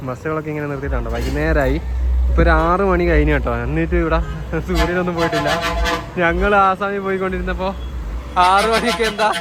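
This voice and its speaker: A man's voice: on the high side, fast talker, music in the background. A man with a Kerala Malayalam accent chattily narrating a casual travel vlog to his viewers on a handheld phone. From Kerala, India. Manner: chatty, addresses viewers informally. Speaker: travel vlogger. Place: on the move outdoors and in buses. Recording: loud traffic and engine noise.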